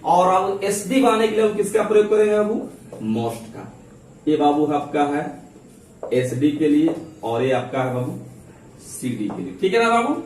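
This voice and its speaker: A man's voice: high voice, expressive, moderate pace, a little mellow, a little hiss or hum. A man with a Hindi accent teaching English grammar in a classroom style, asking questions and answering them himself, calling listeners babu and chhotu. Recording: very echoey room, mic at a distance.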